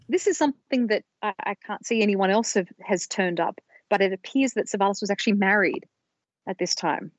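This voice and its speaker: A woman with a mid-range voice co-hosts a podcast, presenting her research casually and carefully, restarting small bits as she explains. The recording is dry, dull, and lo-fi.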